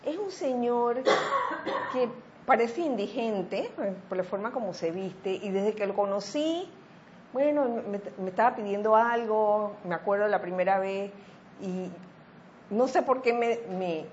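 Woman telling a lively anecdote. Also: mid-range voice. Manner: animated, acts out quoted voices. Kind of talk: casual storytelling chat. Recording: slightly dull audio with faint noise.

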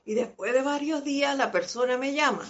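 A woman's voice: sits high, muffled recording, slight background noise. A woman hosting a live spiritual talk, telling stories from her life and often laughing as she teaches. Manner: slow, storytelling, laughs often. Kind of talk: informal spiritual talk with anecdotes.

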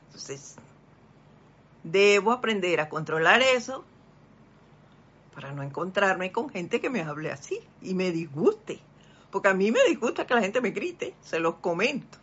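Older teacher, slow spiritual lesson. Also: medium pitch, very animated, a bit bright, breathy edge. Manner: slow, deliberate, stretches key words. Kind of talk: spiritual lesson, reading a text aloud and commenting. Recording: dull lo-fi recording.

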